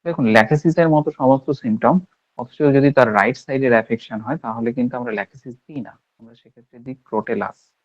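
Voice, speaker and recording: A man's voice: mid-range voice, expressive, brisk, creaky, dull audio. A man from India giving an emphatic lecture on homeopathic remedies and acting out patients' complaints in quoted voices.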